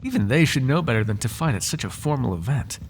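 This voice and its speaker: A man roleplays a devoted, flirtatious butler to a noble in an intimate ASMR scene, using formal, genteel phrasing and playful teasing with a curious, gossip-loving air. His mid-range voice is animated and close to everyday speech, moving at a quick pace over slight background noise.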